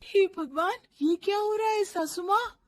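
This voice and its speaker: A woman voicing a meek young daughter-in-law in a cartoon story, with a high, pleading, teary manner. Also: expressive, unhurried, no room sound, clean studio sound. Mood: defiant.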